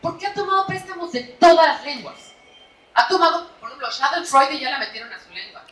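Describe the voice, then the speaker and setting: A bright, forceful Mexican woman speaks animatedly to an audience, her voice fairly high for a woman. She is an author presenting her book in a chatty, lively way. The sound comes from a distance in a large hall that rings with echo. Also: a little fast. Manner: animated, chatty, frequent "¿no?" tags. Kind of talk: lively public talk at a book fair. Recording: echoey hall, voice from off-mic.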